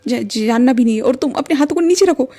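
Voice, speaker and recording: A woman's voice: sits high, animated, quick pace, warm tone. A woman voicing a shy young man who keeps stammering and pleading, read within a fan story. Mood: flustered pleading.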